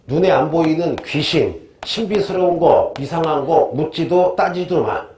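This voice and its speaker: A blunt, irritable sage of old berates his pupil in coarse words, as a man puts him on. The voice sits a little high and rings in a roomy space with faint noise behind. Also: normal speed, darkish tone, natural voice. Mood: angry scolding. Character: ancient male sage, scolding his pupil angrily. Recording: echoey room, faint noise.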